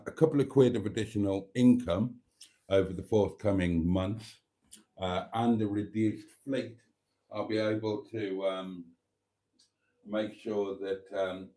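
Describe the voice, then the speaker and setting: A chatty British vlogger in his fifties talks on a casual live stream in a low, mellow voice, at a moderate pace with fairly even intonation. He rambles with frequent ums and restarts, puts himself down and calls viewers darlings.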